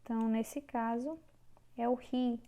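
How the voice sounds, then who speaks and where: A woman teacher giving a recorded grammar lesson, dictating words slowly and clearly syllable by syllable. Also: fairly high pitch, fairly even intonation, dark tone. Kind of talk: online Portuguese grammar lesson.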